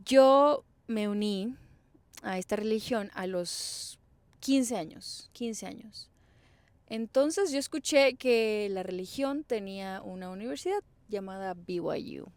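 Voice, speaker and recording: Young Mexican woman vlogger, chatty and explanatory, mid-pitched voice, dry close sound. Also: no room sound. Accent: Mexican Spanish. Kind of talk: casual personal vlog.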